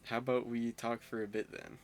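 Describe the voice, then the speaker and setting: A man's voice: mid-range voice, little pitch movement, brisk, slight background noise. A young man playing a visual novel, reading the narration aloud and mixing in chatty, self-mocking asides. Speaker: gamer.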